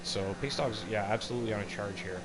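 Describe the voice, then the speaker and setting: A man's voice: fairly low pitch, quick pace, heavy background noise. A man doing live motorsport commentary, calling the race action as it unfolds. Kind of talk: live sim racing commentary.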